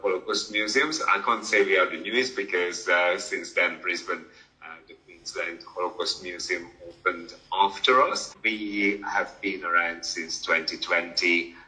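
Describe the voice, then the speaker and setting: Deep-voiced man in his fifties, from Hungary. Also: fairly even intonation, a little slow, pushed and bright, poor audio. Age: 50s. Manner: hesitant, many fillers, wry. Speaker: museum educator, guest. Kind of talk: casual interview.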